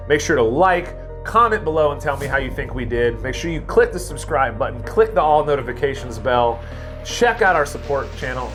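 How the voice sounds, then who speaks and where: American chef guy vlogging in his little kitchen, hyped and showy, faint music under it. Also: medium pitch. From United States. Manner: enthusiastic, showman-like. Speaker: chef and vlog host. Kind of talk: casual cooking vlog. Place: small home kitchen.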